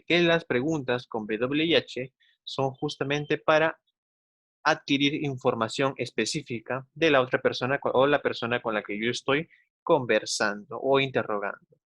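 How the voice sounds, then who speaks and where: A young adult man with a Peruvian Spanish accent teaches schoolchildren in a recorded class. He keeps a middle pitch and explains patiently, repeating words and checking in with the class. The sound is dry and close. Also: fairly bright tone, no echo. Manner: patient, explains slowly, repeats words, often says "entonces" and "¿no?". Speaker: English teacher. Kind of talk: recorded online class for children.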